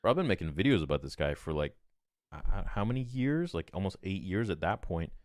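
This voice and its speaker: Low-voiced man telling a rambling story. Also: fairly quick, dry recording, clean studio sound. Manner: animated, rambling retelling full of "I'm like". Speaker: podcast guest. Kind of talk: casual storytelling.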